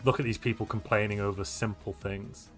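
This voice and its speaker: A North Wales streamer and tournament caster chats on a live stream in a lowish voice, talking fairly quickly over soft background music. He's animated and rambling, cracking self-deprecating jokes as he goes.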